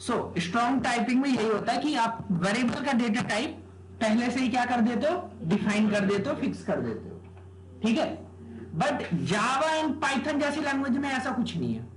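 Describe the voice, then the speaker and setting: A man's voice: extremely high pitch, expressive, moderate pace. A male programming teacher giving a live classroom lecture, quizzing students with rhetorical questions and often checking "okay?". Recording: echoey room with background noise.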